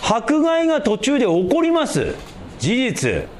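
A male pastor giving an emphatic, animated sermon. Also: extremely high pitch, slow pace, slight background noise.

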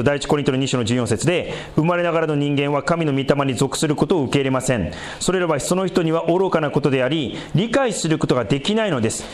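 Animated male preacher with swooping pitch. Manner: animated preaching with big pitch swings and light laughter. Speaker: pastor. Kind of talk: sermon.

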